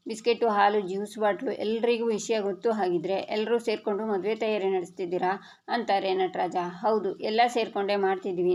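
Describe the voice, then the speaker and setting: A woman narrating a TV serial episode recap, reading every character's lines in an even storytelling voice. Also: medium pitch. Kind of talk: reading a serial recap aloud, voicing all dialogue. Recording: dull lo-fi audio.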